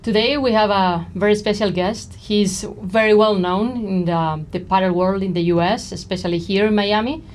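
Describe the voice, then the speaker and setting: A woman's voice: mid-range voice, steady tone, normal speed, few pauses, a little mellow. A woman hosting a podcast, asking long friendly questions in a casual interview. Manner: friendly, laughs easily, asks long questions. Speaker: podcast host.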